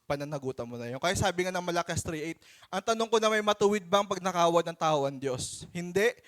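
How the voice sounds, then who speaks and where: A Filipino man preaching a sermon to his church in a conversational, animated way, acting out stories. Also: high voice, fast.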